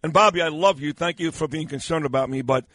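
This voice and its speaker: A man's voice: on the high side, quick pace, sharp tone, no room sound. A man hosting talk radio in a blunt, teasing, casual way on a close studio microphone. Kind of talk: casual call-in radio banter and ad reads.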